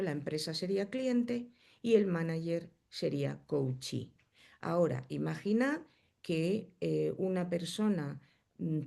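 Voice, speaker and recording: Hoarse woman with a gravelly voice teaching. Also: low-pitched, dark tone. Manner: explains step by step, then reads the chat. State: hoarse, coughing. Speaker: coaching teacher. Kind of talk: live online class.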